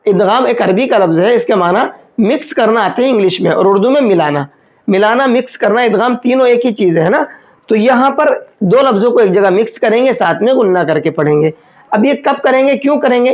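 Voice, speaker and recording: A man teaching a step-by-step recitation lesson. He explains each rule patiently, often checks that it is understood, and draws out slow examples. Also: sits high. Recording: dull lo-fi recording.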